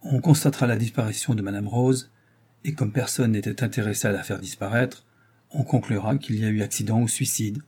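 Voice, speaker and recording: Brief: male narrator as a careful, fretful husband, husky, mellow. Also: fairly low pitch, fairly quick. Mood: confiding. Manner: earnest, confiding, fretful. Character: cautious, secretive middle-aged husband, an office clerk. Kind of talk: audiobook character reading.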